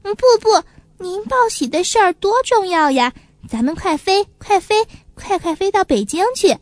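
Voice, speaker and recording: A woman voicing a small, eager young male pigeon in a storybook reading, quick to stammer when caught out. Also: very high-pitched, expressive, no room sound, clean studio sound, voice pushed up.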